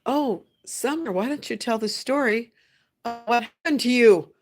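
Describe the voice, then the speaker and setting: With faint music behind her, a middle-aged woman with a fairly high voice speaks at normal speed while hosting a family livestream. She chats casually with her children in a gentle, patient, coaching tone.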